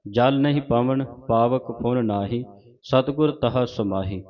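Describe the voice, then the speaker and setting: A man with a Punjabi accent reciting scripture verse by verse as a teacher, pausing to correct pronunciation. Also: medium pitch. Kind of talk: slow measured recitation lesson. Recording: dull lo-fi recording.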